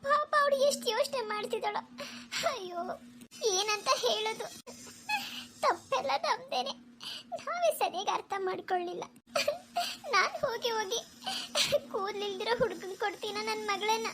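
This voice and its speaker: A woman's voice: very high-pitched, fairly quick, noisy background. A woman voicing a worried, tearful middle-aged mother in a cartoon, fretting and weepy. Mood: fretful. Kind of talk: cartoon voice acting.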